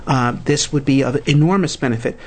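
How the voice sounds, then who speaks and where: A man with a Brooklyn New York accent, speaking as an expert guest in a radio interview, halting but earnest. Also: mid-range voice. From United States. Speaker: guest expert, society president.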